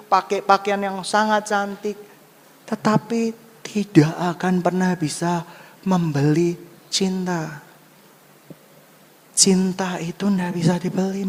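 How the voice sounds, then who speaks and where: A male pastor preaching a sermon, swinging between loud high exclamations and low hushed asides. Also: big-room sound.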